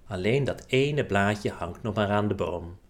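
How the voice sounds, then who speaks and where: A man narrating a children's storybook chapter aloud in a gentle, expressive storytelling manner. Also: lowish voice, measured pace.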